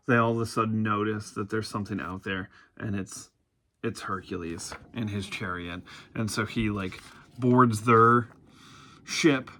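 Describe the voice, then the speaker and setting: A man's voice: mid-range voice, a bit bright. A man in his forties hosts a casual comic review vlog. He rambles with enthusiasm and uses many fillers. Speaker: comic book reviewer host.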